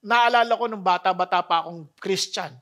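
Warm-up preacher, conversational, switches into English, deliberate scripture reads, easy laughs. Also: mid-range voice. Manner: laughs between phrases. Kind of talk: sermon.

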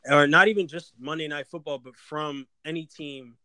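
A man's voice: on the high side, fairly even intonation, moderate pace, a crowd in the background. A man from the Washington D.C. area co-hosting a sports podcast in casual chat.

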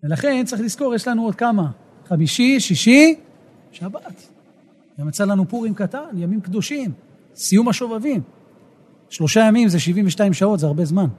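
A rabbi teaching a Torah lesson, an animated storyteller who rises to emphatic outbursts. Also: male voice, high voice, breathy edge.

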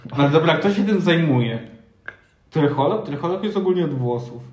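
A man's voice: fairly high pitch, animated, moderate pace, darkish tone, dull audio. A young man co-hosting a casual chat, musing aloud with half-serious, sarcastic theories. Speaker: podcast co-host. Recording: echoey room.

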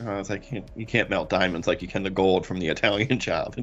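A man co-hosting a podcast, chatting casually about a movie, animated and quick to act out lines and laugh. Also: deep voice, lo-fi sound, soft background music. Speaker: podcast co-host.

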